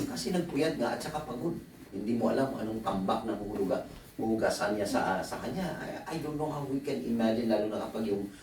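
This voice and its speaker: A man's voice: lowish voice, distant mic, slight background noise. Male pastor, bible conference sermon, joking storyteller, echoey hall, mic set back, faint room ambience. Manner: humorous, mixes Tagalog with English phrases; animated storytelling asides.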